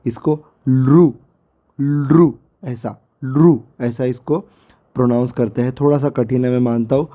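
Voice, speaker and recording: A hoarse man with a sore throat, giving a patient lecture over a screen recording and repeating syllables slowly to drill them. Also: medium pitch, warm tone. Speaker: teacher.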